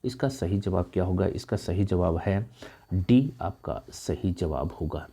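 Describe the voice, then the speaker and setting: A man teaching grammar, going through exam questions one by one, reading the options slowly and then explaining the corrections quickly. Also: low voice, expressive, dark tone, husky. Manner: addresses viewers as dear friends. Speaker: Hindi exam tutor. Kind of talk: exam answer walkthrough.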